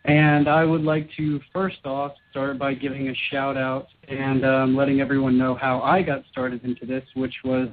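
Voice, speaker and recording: A man's voice: medium pitch, flat delivery, normal speed, hardly any pauses. A man guest on a talk show calling in by phone, speaking hesitantly with many restarts. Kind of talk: casual interview. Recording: tinny phone line.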